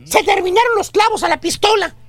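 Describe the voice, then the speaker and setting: Brief: a performer playing a squeaky, scornful gossip with a Mexican accent on a radio comedy show, who ends every jab with "güey". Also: a little fast, a bit bright, soft background music. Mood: mocking. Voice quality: very high squeaky voice. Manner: scornful, piles up insults, ends lines with güey. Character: shrill mocking gossip ranting about a bossy lazy man. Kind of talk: comic radio rant.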